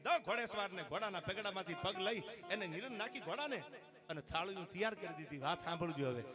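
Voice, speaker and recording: A male folk storyteller performs live on a stage mic, his voice sitting high for a man. He is animated, slipping into the voices of his characters and surging loud to drive a point home. Instruments play clearly underneath throughout. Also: a little fast. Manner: animated, acts out quoted voices, swells loud for emphasis. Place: live stage event with audience. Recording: live stage recording over music. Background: musical instruments playing.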